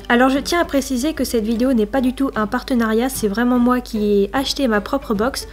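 A woman's voice: a little high, moderate pace. A young French-speaking woman, chatty and enthusiastic, reviewing a subscription box in a casual vlog on a lapel mic. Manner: chatty, enthusiastic, reads product blurbs aloud. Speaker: equestrian vlogger. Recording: faint music behind the voice. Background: faint background music.

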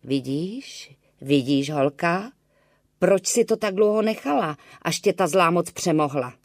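A woman's voice: lowish voice, animated, dry recording, studio quality. A woman voicing a stern old village wise-woman who speaks in a firm, scolding yet reassuring way.

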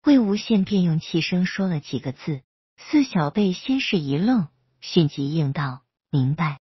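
A woman storyteller with a husky voice narrates serialized fan fiction. Her voice sits low. The recording is dry, close and dull. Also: big pitch swings, measured pace, dry recording.

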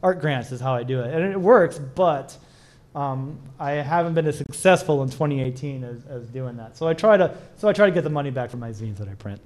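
A man's voice: mid-range voice, lively intonation, fairly quick, a little mellow. A man giving a casual conference talk and answering questions, rambling with many restarts and fillers, recorded in a small room. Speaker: conference speaker.

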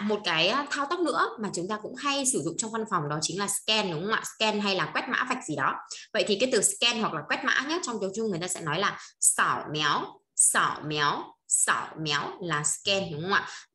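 Woman teacher, bright clear voice, slow repeated drilling, roomy echo. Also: mid-range voice. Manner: asks frequent checking questions. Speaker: Chinese language teacher. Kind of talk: classroom language lesson.

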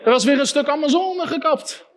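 A man preaching a sermon, emphatic, with sharp rises and drops in his voice. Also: very high-pitched, a little fast. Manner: emphatic, rising and dropping sharply for effect.

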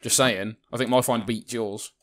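A man's voice: medium pitch, steady tone, moderate pace, a little hiss or hum. A British man co-hosting a casual let's-play, rambling and joking, laughing often and swearing casually. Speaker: gaming channel co-host.

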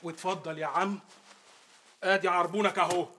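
An actor playing a boastful, shady antiquities dealer with an Egyptian accent, swaggering and dismissive. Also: male voice, high-pitched, fairly even intonation, fairly quick, pushed and bright, breathy edge, full character voice. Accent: Egyptian Arabic. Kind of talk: sitcom acting.

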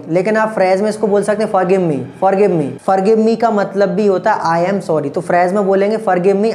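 A man teaching a spoken English lesson, repeating each phrase slowly and asking often whether the class has understood. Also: sits high, a little mellow.

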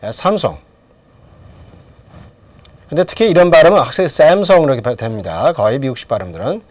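Lively-voiced man teaching English grammar. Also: medium pitch, fairly quick, dry recording. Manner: asks questions and answers them himself. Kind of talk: lecture with drills.

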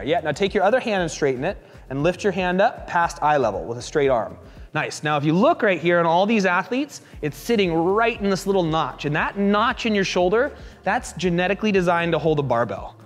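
A man coaching a fitness class, encouraging and joking as he calls out quick repeated cues. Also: on the high side. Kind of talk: live coaching class instruction. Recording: echoey hall reverb.

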